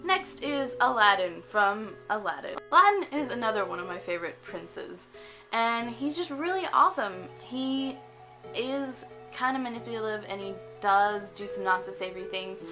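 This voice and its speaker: A woman's voice: mid-range voice, poor audio. Chatty young woman vlogging over music. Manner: chatty, opinionated, with repeated words. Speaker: YouTube host. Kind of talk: casual vlog commentary.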